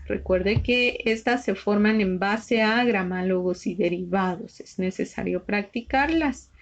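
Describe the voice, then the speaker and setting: A woman teaching a shorthand lesson, patiently spelling out letters one by one. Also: mid-range voice. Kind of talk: slow step-by-step lesson. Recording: slightly dull lo-fi recording.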